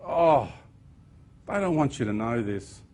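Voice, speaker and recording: A man's voice: medium pitch, expressive, takes it slowly, darkish tone. A man giving an earnest spiritual talk to an audience, with sudden emphatic bursts. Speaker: speaker.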